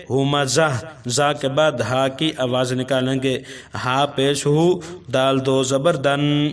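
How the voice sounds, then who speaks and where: A man with a Pakistani accent teaching Quran reading, spelling out syllables slowly in a chanting tone. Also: a little high, fairly bright tone.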